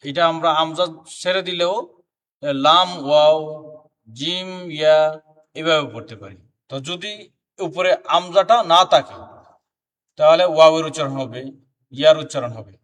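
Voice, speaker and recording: A man's voice: a little high, moderate pace, long pauses, far from the mic. A man teaching a beginner Quran reading class, chanting letter names one by one and explaining the letter forms. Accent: Bangladeshi Bengali.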